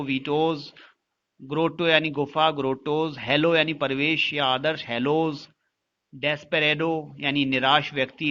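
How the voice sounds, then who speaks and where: A man's voice: a little high, pushed and bright, dull audio. A man teaching English grammar in Hindi mixed with Indian-accented English, spelling words out letter by letter and asking questions back to the class.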